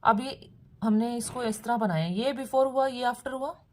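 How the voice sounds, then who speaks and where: A woman's voice: fairly high pitch, normal speed, a little mellow. A woman teaching a shorthand lesson, explaining each point step by step and mixing terms into her Hindi. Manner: patient, explains in plain Hindi with English terms mixed in.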